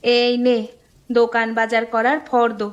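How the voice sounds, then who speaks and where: A woman's voice: a little high, completely flat delivery, measured pace, muffled recording, lightly acted. A woman voicing a fretful poor village mother. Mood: fussing. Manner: pleading, fussing, scolding. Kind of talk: cartoon story voice acting. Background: background music.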